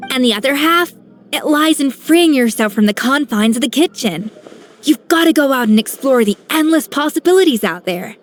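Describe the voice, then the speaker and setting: A woman voicing a composed grown-up master chef in a video game, calm and gently instructive like a mentor. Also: high-pitched, moderate pace. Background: soft game music.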